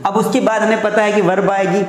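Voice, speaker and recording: A man teaching a spoken English lesson, explaining in Hindi and slowly drawing out each English example sentence. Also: sits high, flat delivery, echoey room. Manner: slow, drawn-out enunciation of example sentences; repeats "ठीक है" and "दोस्तों" while addressing viewers.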